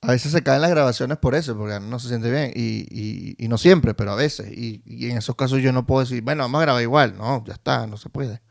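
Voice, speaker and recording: A man co-hosts a podcast with a calm, measured delivery. His voice is gravelly with a touch of fry, at an ordinary pitch. He fills pauses as he works through his advice. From Venezuela. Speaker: podcast co-host. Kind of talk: casual podcast chat.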